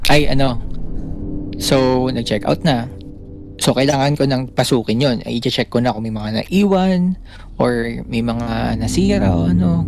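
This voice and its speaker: Gravelly man telling a story. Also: medium pitch. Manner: animated storytelling, acting out quoted lines. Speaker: podcast co-host. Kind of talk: casual storytelling chat.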